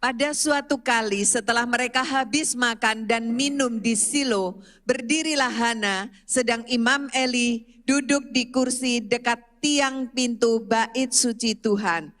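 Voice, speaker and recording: A woman reading a scripture passage aloud at a steady, even pace during a church service. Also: fairly high pitch, a little slow. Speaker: scripture reader. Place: church hall. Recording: church hall reverb.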